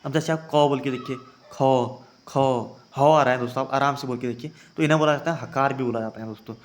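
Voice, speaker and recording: A man's voice: mid-range voice, steady tone, rapid-fire. A young man teaching an exam-prep grammar lesson, calling his viewers friends and having them try each sound aloud. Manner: addresses viewers as friends, repeats points.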